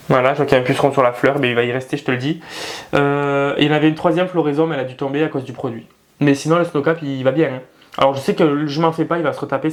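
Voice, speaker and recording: A young man chatting casually indoors at home about his houseplants, swearing and grumbling, hot and sweaty. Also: on the high side. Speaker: plant vlogger. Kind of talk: casual chat.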